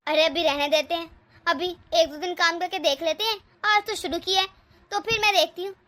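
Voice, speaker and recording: A woman's voice: very high voice, steady tone, a little fast, pushed and bright. A taunting, scolding cartoon mother-in-law, voiced by a woman. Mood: grumbling. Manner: taunting, sarcastic. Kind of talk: cartoon voice acting.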